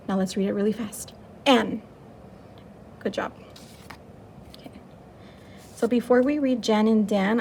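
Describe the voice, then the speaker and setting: A woman teaching young children an early reading lesson, speaking slowly and clearly, drawing out letter sounds and cheering them on. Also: medium pitch, warm tone, a little hiss or hum. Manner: slow, clear, encouraging teacher talk with drawn-out sounds.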